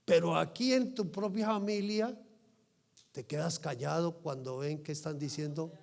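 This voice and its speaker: A man preaching a sermon as pastor in a church, moving from soft quiet talk to loud fervent preaching. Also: fairly high pitch, normal speed, gravelly. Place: church sanctuary. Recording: long hall reverb.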